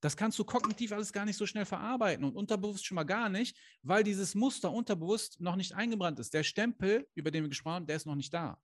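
Speaking fast with few pauses, a high-pitched man coaches straight to a camera he adjusts himself. His motivational talk is earnest and direct, packed with rhetorical questions and Islamic phrases.

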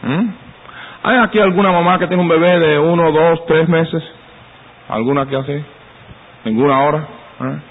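A male pastor delivers a sermon in a church, speaking in a fairly high, husky voice. The sound is thin and phone-like, and he slips into quoted voices that climb when he gets worked up. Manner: acts out quoted voices, rising high and loud when animated.

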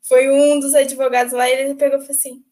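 A young woman, a new lawyer, telling a story in animated casual chat and laughing often. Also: high-pitched, quick pace. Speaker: newly qualified lawyer, podcast guest.

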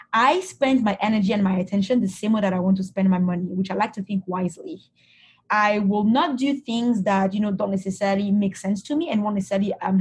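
A woman's voice: mid-range voice, darkish tone, husky. A woman from Cameroon, a guest in an interview, answering reflectively with frequent restarts and "you know" fillers.

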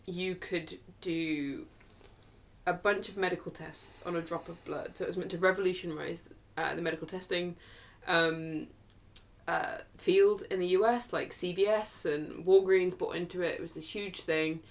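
A woman's voice: lowish voice, steady tone, unhurried. Chatty woman podcast co-host. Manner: chatty, lots of fillers and likes. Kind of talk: casual chat.

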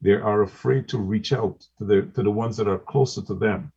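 A man with a very deep, husky voice talks in a relaxed podcast discussion. He often stumbles and repeats words before finishing his thoughts. The recording sounds muffled and lo-fi. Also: a little fast. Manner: hesitant, with many restarts and repeated words. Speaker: podcast co-host.

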